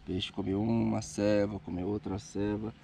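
A man in his thirties with a Brazilian Portuguese accent hosting a casual fishing vlog outdoors by a lake, giving chatty play-by-play with bursts of excitement while fighting fish. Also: lowish voice, unhurried, creaky, a little hiss or hum. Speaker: fishing show host.

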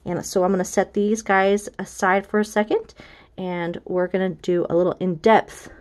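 A woman's voice: medium pitch, fairly even intonation, moderate pace, a little mellow. An American woman, a quilting instructor, giving a friendly, chatty how-to walkthrough. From United States.

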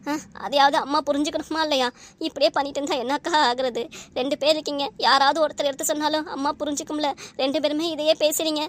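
A woman's voice: high-pitched, close to an everyday voice. A woman voicing a young married daughter who pleads desperately with her family in a cartoon comedy. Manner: pleading, plaintive.

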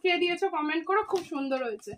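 A very high-pitched woman, out of breath, chats with her viewers in a casual home unboxing vlog. The home recording carries clear background noise. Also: very fast, fairly bright tone. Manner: chatty, addressing viewers directly. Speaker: vlogger and mother. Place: home, indoors.

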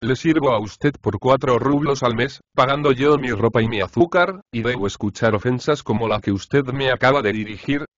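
A man's voice: medium pitch, moderate pace, hardly any pauses, no echo, close to an everyday voice. A man voicing a poor, overworked female cook who complains and pleads with her master in a storybook reading, on a dry, slightly dull recording. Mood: complaining.

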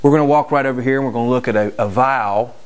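A man's voice: mid-range voice, quick pace, slight background noise. A man in his forties, a general contractor, casually explaining work on site in an unfinished house, with frequent restarts and fillers. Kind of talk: on-site construction walkthrough. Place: unfinished house interior with bare stud walls.

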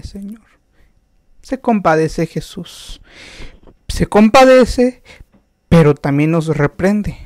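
A man preaching a sermon, slow and emphatic, with rhetorical questions and frequent restarts. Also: a little high, a little mellow, no echo, studio quality.

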